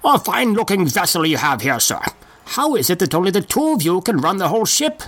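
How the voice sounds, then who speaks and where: A man voicing a chatty, folksy old male passenger with a slow drawl. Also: high-pitched, big pitch swings, a bit bright, pitched above the performer's own voice, heavily acted. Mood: curious. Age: older.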